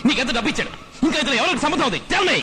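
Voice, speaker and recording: A man's voice: fairly high pitch, very animated, very fast. An actor dubbing a menacing male police interrogator in a film, firing threats and questions. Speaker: interrogating officer.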